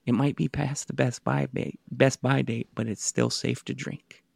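A man's voice: medium pitch, steady tone, normal speed, vocal fry, breathy edge, dry recording, studio quality. A man co-hosting a casual podcast, a comedian who jokes wryly and defends himself. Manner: wry, defensive joking. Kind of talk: casual chat.

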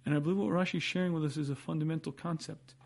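A man giving a religious lecture, emphatic and fond of repetition, with a husky voice and frequent throat clearing. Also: a little high, fairly even intonation, very fast, a little mellow. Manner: emphatic, rhetorical questions and repetition. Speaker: rabbi giving a Torah lecture. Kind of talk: religious lecture, explanatory teaching.

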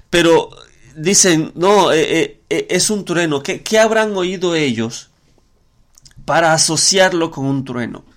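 A man preaching a sermon in an earnest way, often repeating words and using fillers as he works through scripture. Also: on the high side.

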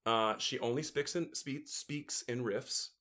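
A man's voice: mid-range voice, measured pace, fairly bright tone. A man in musical theatre, chatting casually as a guest and telling stories with lots of fillers and restarts. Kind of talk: casual storytelling chat.

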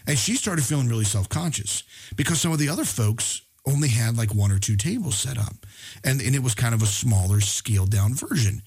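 Husky-voiced man telling a story. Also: mid-range voice, expressive, darkish tone. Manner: earnest, frequent stammered restarts; slows down to stress key words. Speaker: podcast host. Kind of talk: personal story and motivational talk.

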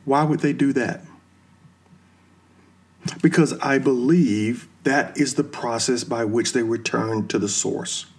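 A man's slightly rough, mid-range voice carries an unscripted monologue in which he questions himself and supplies his own answers. He explains things slowly and reflectively, with references to films and religion.

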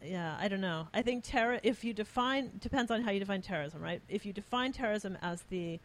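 A woman being interviewed as an author, explaining her arguments in a measured way. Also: medium pitch. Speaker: author guest. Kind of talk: conversational interview.

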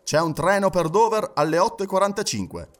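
A man voicing an impassive, precise English gentleman who speaks calmly and in measured tones. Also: high-pitched, far from the mic, pitched above the performer's own voice. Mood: composed. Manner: calm, measured, unhurried.

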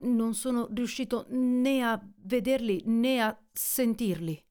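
A woman reading an audiobook, voicing an anxious male companion on an island who speaks slowly and urgently in halting questions. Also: on the high side, darkish tone, voice pushed up. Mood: alarmed.

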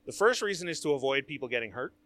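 Bright, animated man hosting a chat. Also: mid-range voice, very fast. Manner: storytelling, joking, animated. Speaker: host. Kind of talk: casual chat.

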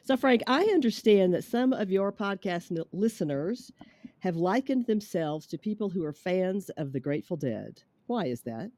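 A woman podcast co-host chats casually in a croaky frog voice, hoarse with a cold. Her tone is on the dark, mellow side, and the sound is dry and close. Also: medium pitch, expressive, moderate pace, dry recording.

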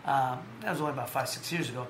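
A man hosting a casual sports chat, telling stories in a rambling, animated way with lots of fillers. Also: mid-range voice, rapid-fire, roomy sound, a little hiss or hum. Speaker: podcast host.

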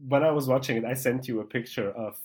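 A man co-hosting a podcast, chatting casually with frequent laughter and halting, hesitant phrasing. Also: mid-range voice, a little mellow, husky. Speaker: podcast co-host. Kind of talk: casual chat about a TV show.

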